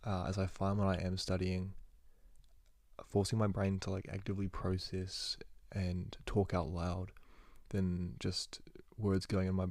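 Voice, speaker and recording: Young man talking fast into his phone. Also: deep voice, completely flat delivery, darkish tone, dry recording. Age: young adult. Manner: rambling, self-correcting, talks fast. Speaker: university student vlogger. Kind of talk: casual spoken journal. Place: indoors at home. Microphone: phone recording.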